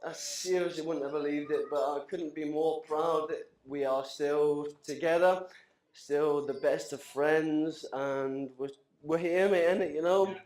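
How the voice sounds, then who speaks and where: A tipsy man in his thirties rambles through an emotional best man speech at a wedding reception hall, laughing between lines. His voice is fairly high and darkish, with fairly even intonation and a measured pace. The room is reverberant.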